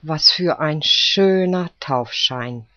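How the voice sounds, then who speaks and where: A man's voice: a little high, slow pace, sharp tone, no echo. A man voicing a dreamy young village woman who speaks solemnly, in a slightly muffled storybook reading.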